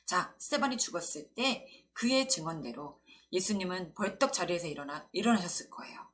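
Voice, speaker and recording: Woman, children's pastor, gentle storytelling sermon with a very animated pitch. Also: fairly quick. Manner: gentle storyteller, acts out quoted lines. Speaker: children's Sunday school preacher.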